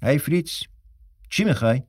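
A man's voice: mid-range voice, lively intonation, a little mellow, no room sound, lightly acted. Cocky joking editor guy, played by a man, breezy, close dry sound. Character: cocky, wisecracking male magazine editor. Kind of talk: radio drama acting.

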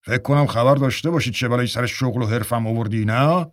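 A man's voice: mid-range voice, natural voice. A man voicing a bitter, angry former ballplayer who speaks in a cold and menacing way. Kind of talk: radio drama acting.

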